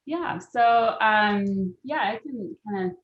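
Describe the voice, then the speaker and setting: A woman's voice: mid-range voice, lively intonation, slow pace. A woman from Denmark, a guest on a video-call interview, talking hesitantly with lots of fillers. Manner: hesitant, many fillers like kind of and um. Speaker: guest, deck co-creator. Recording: dull lo-fi call audio.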